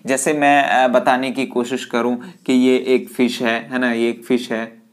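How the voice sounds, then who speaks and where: A man's voice: mid-range voice, little pitch movement, measured pace. A man teaching a biology class in a lecture style, repeating terms to drill them in and calling his students "beta". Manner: repetitive, drills terms, calls students 'beta'; mixes English terms into speech.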